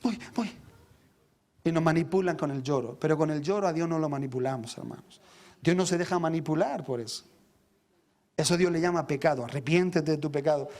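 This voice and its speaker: A pastor preaches in a high, ringing voice. He speaks with fervor, calling out to his brothers in the congregation, and stutters over repeated words when he pushes hardest. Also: brisk, a little mellow. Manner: impassioned, addresses listeners as brothers, repeats words when fired up. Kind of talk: sermon.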